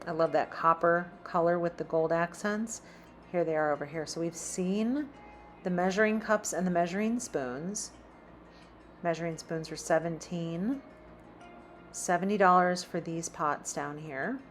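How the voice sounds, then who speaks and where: A shopping vlogger with a lowish voice chats casually and unhurriedly as she browses inside a large store, reading prices aloud while she walks. Faint music plays in the background.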